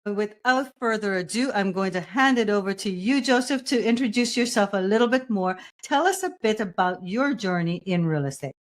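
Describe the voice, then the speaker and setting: A woman hosting an interview, reading a guest introduction and asking clear questions. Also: mid-range voice, animated, normal speed, few pauses. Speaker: host.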